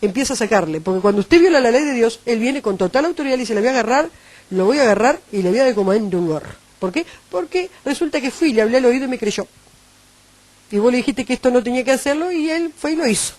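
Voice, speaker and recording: A woman with a Uruguayan Spanish accent preaching a sermon, animated and acting out the voices she quotes. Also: a little high, quick pace, dry recording.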